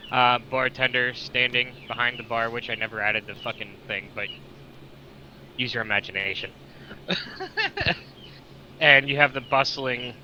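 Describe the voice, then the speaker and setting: Bright-toned casual game master man. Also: medium pitch. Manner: casual, laughing often, swearing. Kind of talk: narrating a tabletop game over voice chat. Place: home with chickens nearby. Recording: dull lo-fi mic with faint noise.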